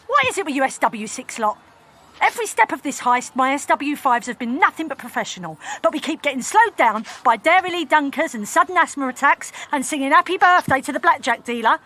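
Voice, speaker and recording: Casting: bossy, foul-mouthed woman crime leader, sharp voice, animated delivery, comedy audio drama. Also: high-pitched, brisk. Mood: exasperated. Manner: scolding, commanding, sweary. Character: foul-mouthed, bossy female gang leader, impatient and fierce.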